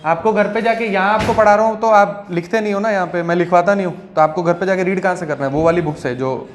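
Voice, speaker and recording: A man's voice: sits high, fast talker. A male teacher giving a classroom lecture in a conversational way, often checking in with his students.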